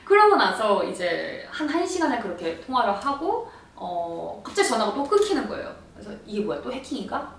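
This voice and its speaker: Young woman vlogger, animated and exasperated storyteller, high lively voice, roomy distant sound. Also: brisk, gravelly. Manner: animated, exasperated retelling with acted quotes. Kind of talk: storytelling vlog. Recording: echoey room, voice from far off.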